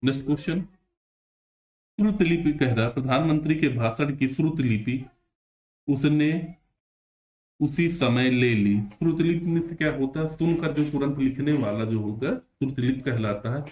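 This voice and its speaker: A man teaching Hindi spelling for an exam, explaining each answer patiently and repeating words slowly, sometimes stretching them out syllable by syllable. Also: mid-range voice, a little mellow. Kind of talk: exam-prep spelling lesson.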